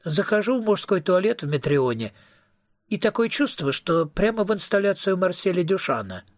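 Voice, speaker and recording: A man voicing a dreamy young female art student with a slow drawl, in an audiobook reading. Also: high-pitched, big pitch swings, dry recording, studio quality, pitched above the performer's own voice.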